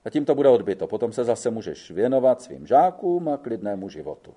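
A man's voice: mid-range voice, big pitch swings, mellow, breathy edge. A man reading the part of an old gendarme in an audiobook, speaking bluntly and in a fatherly way. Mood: urging. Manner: blunt, fatherly, calls the other man boy. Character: gruff old male gendarme, weary, blunt.

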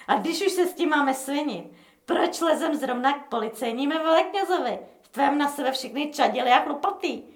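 A woman's voice: high voice, lively intonation, reverberant, pitched above the performer's own voice. A woman voicing a cheeky, insolent young male gangster who talks in mocking slang in a storybook reading. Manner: mocking, colloquial slangy talk.

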